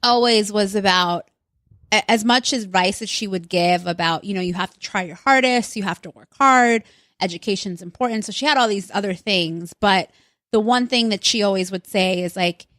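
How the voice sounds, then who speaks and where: A woman's voice: medium pitch, normal speed, a bit bright, no echo, studio quality. A woman from Long Island co-hosting a casual podcast, chatty and peppering her talk with "like". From Long Island, New York. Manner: chatty, says "like" often. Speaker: podcast co-host. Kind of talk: casual chat.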